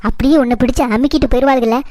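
A high-voiced, manipulative mother-in-law, as a woman plays her in a cartoon. She swings between wailing pleas and bitter scorn, with a twang. The recording is close and dry. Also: fairly even intonation, racing, warm tone, no room sound, natural voice. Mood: scornful. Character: scheming middle-aged village mother-in-law, manipulative.

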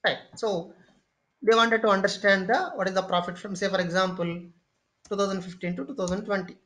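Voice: mid-range voice, fairly even intonation, a bit bright. Patient, repetitive tech instructor. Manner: explains step by step, often pausing with "okay" and "say"; repeats and restarts phrases while thinking. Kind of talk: screen-share tutorial lecture.

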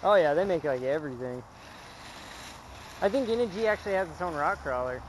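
A man hosting an outdoor vlog, chatting casually about RC trucks and coaching a driver in a relaxed way. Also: a little high, fairly quick, noisy background. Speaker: vlog host. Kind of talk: casual chat while driving RC trucks. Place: outdoor trail.

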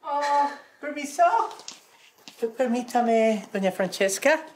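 A man's voice: very high-pitched, slow, a little hiss or hum. An actor playing a man disguised as a theatrical, fawning woman chef, in a telenovela comedy.

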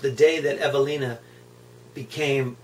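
A middle-aged guide dog puppy raiser sits on the floor indoors at home, chatting reflectively to the camera and repeating words emphatically for effect. He speaks at a normal pace in a mid-range voice with fairly even intonation. A camera mic a few feet off captures him distantly, along with hum and background noise.

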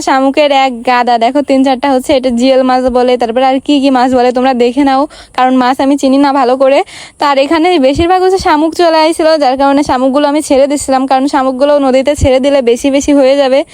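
A young woman from Bangladesh talks through her day in a casual voice-over, chatty and speaking straight to her viewers. Her voice sits high and moves along quickly. The sound is close and dry, with no room around it. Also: a little mellow, no room sound. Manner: chatty, addresses viewers directly. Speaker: vlogger.

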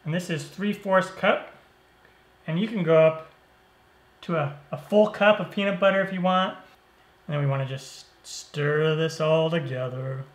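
A man hosting a cooking show, explaining each step of a recipe in a relaxed, easygoing way. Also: on the high side, a little slow. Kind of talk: cooking demonstration. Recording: roomy echo.

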